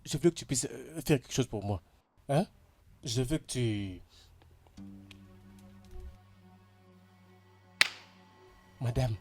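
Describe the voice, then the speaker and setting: Man plays a commanding male boss, mid-pitched, bossy and secretive. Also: lively intonation, normal speed, creaky, soft background music. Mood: conspiratorial. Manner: commanding, snaps orders, hushes. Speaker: household boss. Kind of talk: French film dub.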